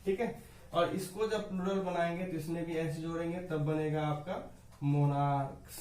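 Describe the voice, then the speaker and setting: A man's voice: on the high side, fairly even intonation, normal speed, darkish tone, reverberant, recorded from a distance, rough recording. A man teaching an English grammar lesson to students, explaining each rule patiently and often addressing them as dear students.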